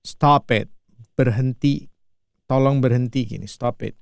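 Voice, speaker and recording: A man gives a relaxed language lesson, saying each phrase over and over and then rephrasing it in street slang. His voice sits close and dry with no room sound at all. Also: medium pitch, a little slow, gravelly, smooth, no room sound. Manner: repeats each line and paraphrases it in slangy terms. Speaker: English teacher. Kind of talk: casual language lesson explaining film lines.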